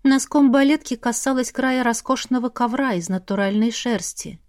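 A woman narrating a first-person fantasy audiobook in an expressive way. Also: fairly high pitch, normal speed.

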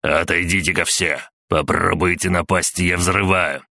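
A man voicing a defiant barbarian warrior shouting threats at a gang. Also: deep voice, fairly even intonation, unhurried, vocal fry, no room sound, studio quality, full character voice. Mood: tense threats.

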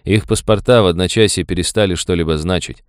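A man reading a story as an audiobook narrator, in an even, measured way. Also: low-pitched, clean tone, no echo, clean studio sound. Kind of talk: scripted narration.

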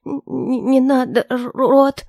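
Woman putting on a high little stuttering girl voice, scared and teary, audiobook. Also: fairly even intonation, a little slow, vocal fry, warm tone, no echo, studio quality. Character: frightened childlike young woman, tearful and stuttering.

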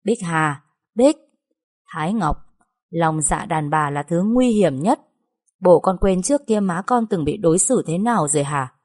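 A woman reading a slow, stern old father. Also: lowish voice, expressive, a little mellow.

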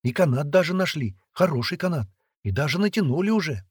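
A man's voice: fairly high pitch, big pitch swings, fairly quick, slightly rough, no echo, clean studio sound, voice pushed up. A man doing a bossy little village girl. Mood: chattering. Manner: chattering, scolding in hushed urgent tones.

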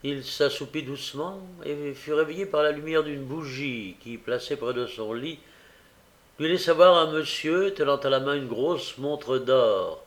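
A man narrating a classic novel as an audiobook, measured and expressive, with occasional small stumbles. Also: fairly high pitch.

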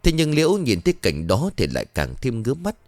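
A man's voice: medium pitch, huge pitch swings, brisk, a little mellow, no room sound. A man narrating a ghost story in a dramatic storytelling manner.

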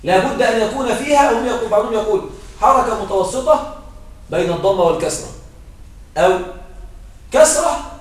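A man teaches a grammar class in a high voice, explaining each point patiently and repeating it. He keeps checking that a student is following. His voice reaches the mic from across a strongly echoing room. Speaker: Arabic morphology teacher. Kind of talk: classroom lesson. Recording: very echoey room, voice heard from far off.

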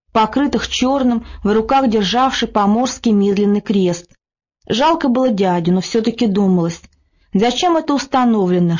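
A woman narrating an audiobook of classic prose in a steady, measured reading. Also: a little high, dull audio. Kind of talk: scripted narration.

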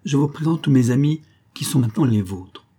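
A spirited young actress, as a male reader puts her on, teasing and pleading by turns in a storybook reading. The voice sits high and bright over a dark, husky timbre. She speaks with quick, lively warmth. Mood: playful. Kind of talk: audiobook reading.

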